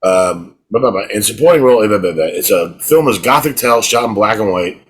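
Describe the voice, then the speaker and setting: Chatting casually as a podcast co-host, a middle-aged man rambles through stories, repeating words whenever he begins a thought and restarting his sentences. He speaks fairly quickly in an expressive, fairly low voice with a breathy edge.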